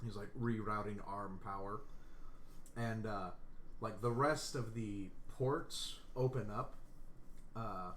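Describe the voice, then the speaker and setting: A man narrating as game master of a tabletop game, halting and full of fillers. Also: on the low side, steady tone, a bit bright, a little hiss or hum.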